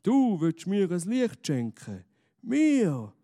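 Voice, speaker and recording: A man voicing a big, gloomy stranger who speaks slowly and grumbles in a storybook reading. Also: expressive, mellow. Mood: melancholy. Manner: deep, slow and grumbling.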